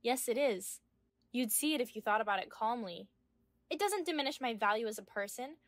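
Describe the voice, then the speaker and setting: A woman's voice: a little high, animated, a little fast, dry recording. A woman in her thirties reading scripted dialogue as a wronged wife, firm and indignant. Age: 30s.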